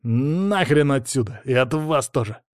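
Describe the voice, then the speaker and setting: A man's voice: medium pitch, lively intonation, unhurried, dry recording, clean studio sound, natural voice. A man voicing a snarling defiant teenage boy. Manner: snapping, sullen. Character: angry defiant teenage boy, gruff loner.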